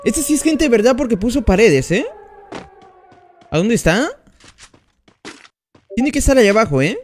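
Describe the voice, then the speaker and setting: Very high-voiced man streaming a game. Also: very animated, normal speed, darkish tone, soft background music. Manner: chatty, thanks and greets each viewer by name. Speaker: gaming streamer. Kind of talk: live gameplay commentary.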